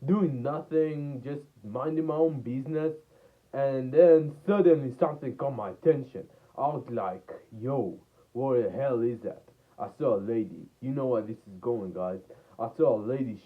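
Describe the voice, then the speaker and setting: A man casually telling a made-up storytime, rambling and repeating "and then I was like" as he goes. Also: mid-range voice. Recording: tinny phone-like sound.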